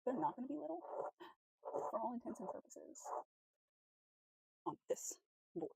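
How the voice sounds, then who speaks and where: A woman vlogging at home while drawing, chatting casually in a rambling, friendly way with lots of fillers, her voice slightly hoarse. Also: fairly high pitch, sing-song, normal speed, mellow, no room sound, low-quality recording. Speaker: art vlogger.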